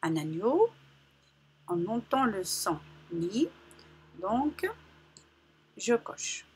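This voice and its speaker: Female teacher, slow and breathy, drilling children on sounds. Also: mid-range voice, big pitch swings, a little mellow. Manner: slow, carefully articulated, repeats sounds for children. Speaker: primary school teacher. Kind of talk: phonics lesson for young children.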